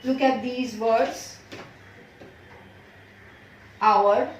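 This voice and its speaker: An Indian woman teaching English grammar, stretching out each example sentence word by word before explaining it in a quicker Hindi. Her voice is captured from a distance in a strongly echoing room with a faint ambient hiss. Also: a little high, steady tone. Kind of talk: grammar lesson. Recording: far-off echoey room recording.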